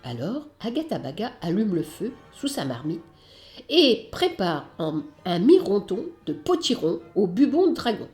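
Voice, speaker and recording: A woman narrating a children's storybook aloud in an expressive, lively way. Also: medium pitch, a little slow, faint music behind.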